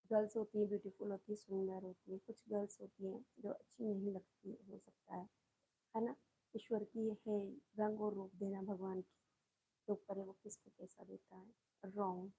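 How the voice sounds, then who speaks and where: A woman's voice: medium pitch, warm tone, breathy edge, rough recording. A woman teaching an online class, patiently explaining words, spelling them out letter by letter and putting questions to her students. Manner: asks the students questions and often adds "isn't it".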